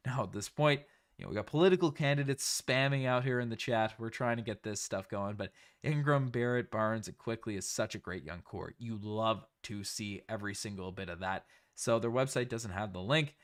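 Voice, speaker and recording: A man's voice: on the low side, normal speed. A man from Canada with a light Newfoundland accent, hosting a casual sports livestream and often repeating phrases for emphasis.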